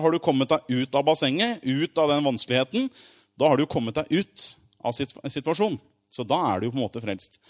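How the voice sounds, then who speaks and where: A man giving an informal sermon, explaining with everyday examples in a conversational way, with frequent asides and fillers, drawing out key words slowly for emphasis. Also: a little high. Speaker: preacher.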